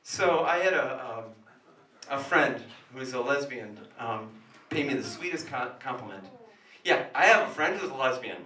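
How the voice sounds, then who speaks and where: A man doing crude, self-mocking stand-up comedy in a small cafe, with a rough, wrecked voice. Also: mid-range voice, lively intonation, moderate pace, pushed and bright. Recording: echoey room, distant mic, live music.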